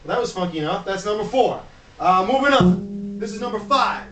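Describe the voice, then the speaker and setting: Male DJ, high-pitched, casual and rambling, distant mic in an echoey room. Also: animated, fairly quick, fairly bright tone. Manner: chatty, loose, with fillers and asides. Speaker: DJ presenting hip-hop samples. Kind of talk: casual commentary over records. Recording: roomy, off-mic, music behind. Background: music playing.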